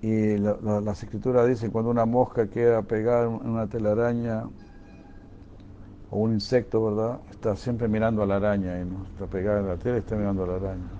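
A man delivers a sermon in a mellow, relaxed voice. He tells stories and repeats phrases for emphasis. The recording sounds dull and lo-fi, with faint noise behind it. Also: on the low side, brisk. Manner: storytelling, emphatic repetition. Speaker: preacher.

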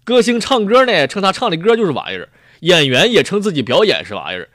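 A man's voice: high voice, big pitch swings, fast, fairly bright tone, no room sound, studio quality, voice pushed up. A man voicing a know-it-all man who bluffs his way through an explanation, lecturing with confidence. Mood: bluffing.

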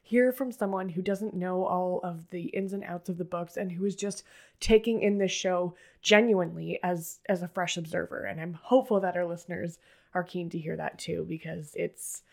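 Woman podcast host with a lowish voice. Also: fairly even intonation, moderate pace, creaky, a little mellow. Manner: enthusiastic, blunt, swears casually. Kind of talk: casual podcast recap chat.

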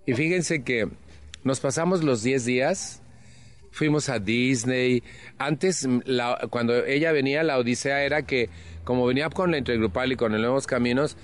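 Older Mexican man telling his story. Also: mid-range voice. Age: 70s. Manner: earnest, animated storytelling with frank slang. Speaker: Al-Anon speaker. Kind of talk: personal testimony talk.

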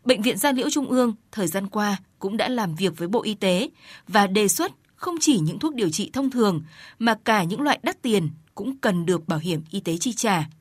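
A woman reporter reading scripted news narration in a steady, formal way. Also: medium pitch, normal speed, husky, dry recording.

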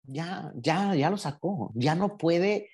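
A man talks in a relaxed conversation. He is thoughtful and explains his ideas patiently, often acting out what other people would say. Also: a little high, slow pace, husky. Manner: reflective, explanatory, voices imagined speech. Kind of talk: casual conversation.

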